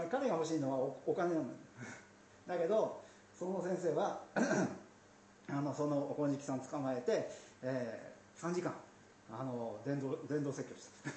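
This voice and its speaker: A man's voice: a little high, measured pace, darkish tone, slight background noise. A man preaching a sermon as a pastor, chatty and storytelling, with asides. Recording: roomy sound from a distance.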